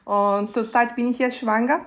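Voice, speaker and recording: Speaking with a Turkish accent, this thirtysomething SAP consultant from Istanbul chats as a guest on a podcast and frequently giggles between phrases. Her voice sits on the high side, with fairly even intonation and a moderate pace.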